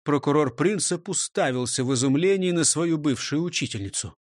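Man narrating a story, high voice. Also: animated, a little fast, no echo, studio quality. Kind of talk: audiobook narration.

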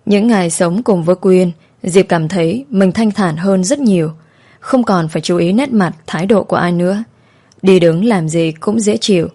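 Calm, low-voiced woman storyteller. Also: moderate pace. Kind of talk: scripted story narration.

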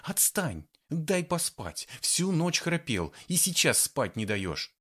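A man voicing a grumpy, sharp-tongued woman who snaps and scolds. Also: on the high side, big pitch swings, slow, slightly rough, voice pushed up, full character voice. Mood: snappish. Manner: snappy, scolding.

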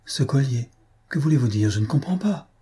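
A man's voice: medium pitch, lively intonation, fast talker, dark tone, slightly rough. A man voicing a proud young farm girl, bewildered and defiant, in a storybook reading.

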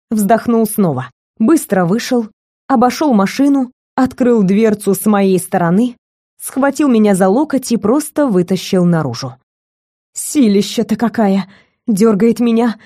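A woman narrating a first-person novel as an audiobook, telling it in an expressive, intimate way. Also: mid-range voice, moderate pace, no room sound, clean studio sound.

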